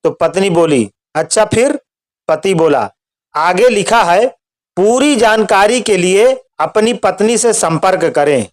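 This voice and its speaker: A man reading out a string of short jokes in a steady storytelling voice. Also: high-pitched, slow.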